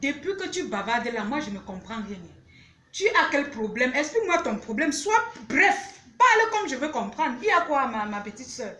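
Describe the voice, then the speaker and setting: A woman acting a loud, dramatic married aunt in a comedy sketch, exclaiming and making bossy demands. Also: sits high, big pitch swings, normal speed, exaggerated voice. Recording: roomy echo.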